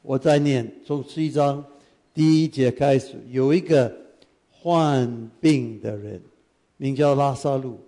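A man preaching as guest pastor in a church, praying and then speaking gently and straight to the congregation. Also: medium pitch, slow pace. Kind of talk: prayer and sermon.

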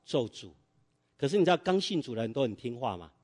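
A man's voice: medium pitch, big pitch swings, very fast, a little mellow. A middle-aged man preaching a sermon in church, telling a story and quizzing the congregation with fill-in-the-blank questions.

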